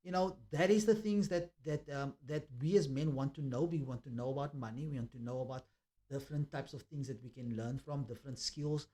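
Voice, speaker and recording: A man giving a preachy commentary monologue, repeating himself and filling pauses with ums. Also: medium pitch, dark tone. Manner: preachy, repetitive, with many fillers.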